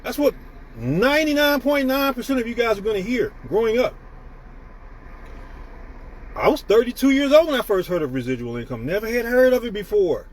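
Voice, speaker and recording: A man's voice: very high-pitched, animated, a little fast, long pauses. A man in his fifties from the United States, hosting a live stream and giving a preachy motivational talk while greeting viewers by name. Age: 50s.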